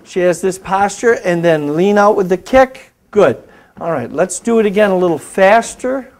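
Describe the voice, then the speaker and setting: A man's voice: high voice, expressive, normal speed, darkish tone. A man hosting a safety show, coaching a self-defense technique step by step. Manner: coaching, giving step-by-step commands. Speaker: host and martial arts instructor. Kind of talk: instructional demonstration, talk show.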